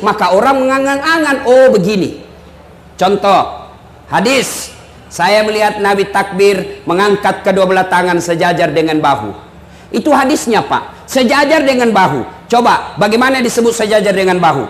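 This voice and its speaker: High-voiced man preaching in an echoey hall. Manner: lively, teasing, addresses the audience directly. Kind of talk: humorous sermon. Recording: echoey hall with faint room noise.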